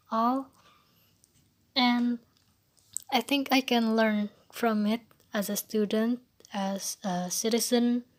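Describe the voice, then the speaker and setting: Teen schoolgirl, raspy voice, slow and halting delivery with stutters and restarts for a class presentation. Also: fairly high pitch. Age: teens. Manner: hesitant, stuttering and repeating words. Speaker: high school student.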